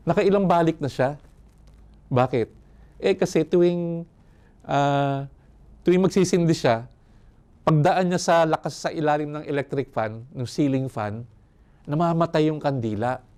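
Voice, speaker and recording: A man's voice: medium pitch, darkish tone. An older man from Manila, a priest giving a reflective retreat sermon, speaking conversationally with chuckles and tag questions. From Manila, Philippines. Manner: conversational, chuckles and asks "no?" often. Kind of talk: reflective sermon with personal stories.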